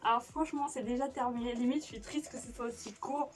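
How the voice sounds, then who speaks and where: A woman's voice: on the high side, fairly even intonation, fast. A woman YouTuber chatting casually as she plays a quiz game, rambling and restarting her sentences. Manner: chatty, rambling, self-justifying with frequent restarts. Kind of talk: casual reaction chat. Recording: voice a bit distant from mic with faint noise.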